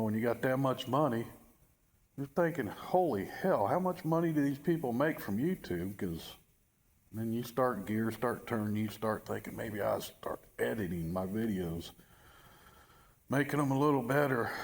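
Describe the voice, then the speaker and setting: Rambling, wry middle-aged man, low voice. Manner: rambling, wry and self-deprecating. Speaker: channel owner. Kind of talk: casual vlog monologue. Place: cold, dim work building with fluorescent lights.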